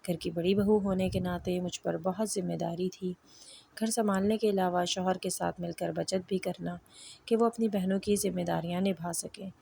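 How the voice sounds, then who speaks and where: A woman narrating an emotional first-person story in an even, measured way. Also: on the low side, gravelly, slight background noise.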